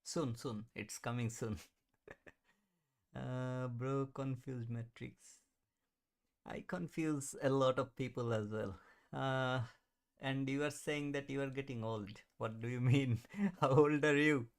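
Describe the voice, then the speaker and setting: A man in his thirties hosts a live trading stream, chatting casually with viewers, answering them and laughing often. His medium-pitched voice stays steady and slow, and he mutters at the chart as he watches.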